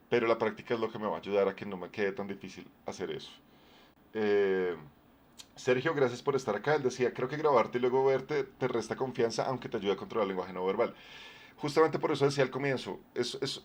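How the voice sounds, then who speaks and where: A man with a low, deep voice chats casually on a live stream. He talks loosely and conversationally, with plenty of fillers and restarts as he gives advice. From Colombia. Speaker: streamer and game master.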